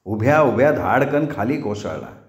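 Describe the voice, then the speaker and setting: A male storyteller narrating a village tale in a vivid, expressive manner. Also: medium pitch, normal speed. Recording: roomy echo.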